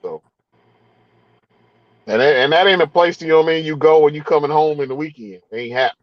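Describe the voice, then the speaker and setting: A man's voice: a little high, fast, no echo, dull audio. A man hosting a casual car chat, laid-back and drawn out, repeating his phrases. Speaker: host.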